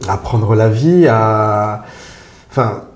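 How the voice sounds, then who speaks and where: A Congolese man in his forties, appearing as a podcast guest, chats informally about his life with a fairly low voice and drawn-out words. He sounds hesitant, filling his speech with fillers and restarts. The recording carries a roomy echo and faint music.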